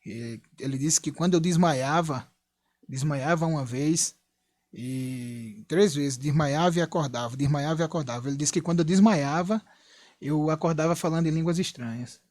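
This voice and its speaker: A man's voice: fairly high pitch, normal speed, a little mellow, dry recording. A young Brazilian man earnestly telling a personal testimony in church, retelling events with frequent asides. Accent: Brazilian Portuguese. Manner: earnest, repetitive storytelling with frequent "né?". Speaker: church member giving testimony.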